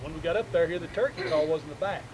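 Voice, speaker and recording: Man, rural yarn-spinner, slightly raised pitch, loud noise behind. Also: rapid-fire. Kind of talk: campfire storytelling. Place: outdoors at a gathering. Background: outdoor noise.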